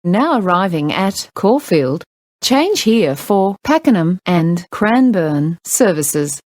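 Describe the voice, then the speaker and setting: A woman reading scripted onboard train announcements in a measured, formal public-address manner. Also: on the low side, big pitch swings, darkish tone, no echo.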